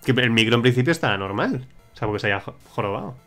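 This young streamer talks fast, his medium-pitched voice animated and a bit bright, as he casually goes through suggestions from viewers. His chat wanders, full of restarts and curse words, and faint music sits in the background.

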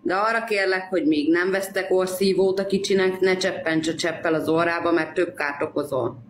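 Woman, patient explainer, echoey room, clear background noise, live-call audio. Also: lowish voice, steady tone. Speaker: caller giving advice. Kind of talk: advice over a live call.

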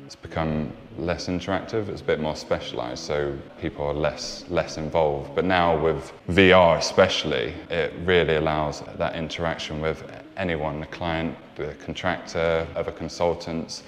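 Very deep, flat-voiced young man. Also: normal speed, few pauses. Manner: steady and explanatory, with frequent restarts. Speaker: architect. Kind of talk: explaining design software in a casual interview. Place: large bare room with high ceiling. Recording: long room reverb with background music.

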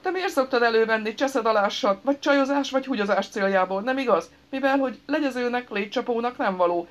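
Woman voicing a high, loud, whining stranded man in a storybook, dull lo-fi sound. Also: close to an everyday voice. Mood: pleading indignant. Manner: whiny, pleading, raised high voice. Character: stranded man, injured hands, desperate and indignant. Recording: dull lo-fi recording.

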